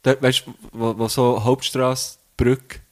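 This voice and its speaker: A young man with a Swiss German accent tells chatty stories as a podcast co-host. He laughs easily and circles back over his own phrases. His pitch is an everyday middle level for a man. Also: level tone, slow. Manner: chatty storyteller who laughs easily and repeats himself. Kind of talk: casual chat.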